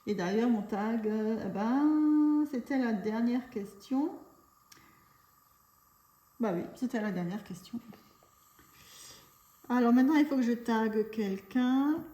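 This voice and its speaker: Slow, chatty woman in echoey room. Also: a little high, mellow. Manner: chatty, rambling with many fillers. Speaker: craft YouTuber. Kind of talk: casual chat.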